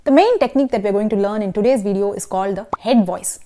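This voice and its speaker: A woman's voice: mid-range voice, quick pace, warm tone, soft background music. A woman teaching a vocal lesson who explains patiently and often checks in with "okay?" and "right?". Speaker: singing teacher. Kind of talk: vocal lesson with sung demonstrations.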